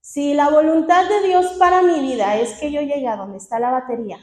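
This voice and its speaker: A woman's voice: high-pitched, brisk, dark tone, reverberant. A young woman giving an earnest personal testimony at a church meeting, laughing now and then between phrases. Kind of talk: testimony talk.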